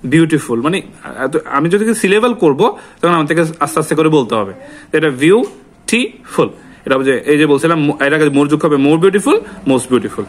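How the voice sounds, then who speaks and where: A man teaches a grammar lesson, asking the class questions and answering them himself. He drills word forms slowly, one after another. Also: fairly high pitch, animated.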